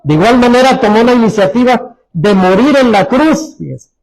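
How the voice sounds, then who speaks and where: A man preaching a sermon as pastor, Mexican Spanish accent, repeating phrases and dropping to soft, low tones for emphasis. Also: animated, normal speed, low-quality recording. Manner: repeats phrases, restarts words.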